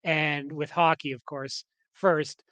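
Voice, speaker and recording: A man's voice: a little high, fairly even intonation, slow pace, fairly bright tone, no echo. A Canadian man co-hosting a podcast in casual chat, rambling with lots of fillers and restarts. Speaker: podcast co-host.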